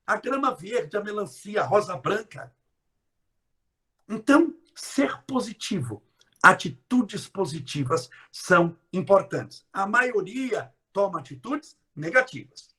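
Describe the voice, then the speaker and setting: A man gives a live motivational talk in a high, strongly swooping voice. He stretches key words for emphasis, breaks into loud bursts, and keeps teasing his listeners with direct questions. His melody rises and falls sharply throughout. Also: very animated, takes it slowly. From interior of São Paulo state, Brazil. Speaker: motivational speaker.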